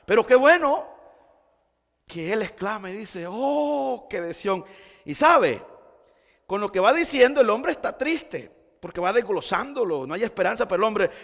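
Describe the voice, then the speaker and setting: A man preaching a sermon, moving from quiet explanation to loud, impassioned exclamations. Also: sits high, big pitch swings, normal speed. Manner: impassioned, swings between quiet and shouting. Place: church sanctuary. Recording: church hall reverb.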